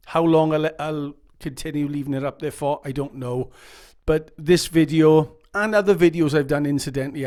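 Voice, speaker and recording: Fairly high-pitched and a little mellow, a Welsh man hosting a YouTube channel rambles earnestly through a casual advice monologue to camera, reading quotes with dramatic flair.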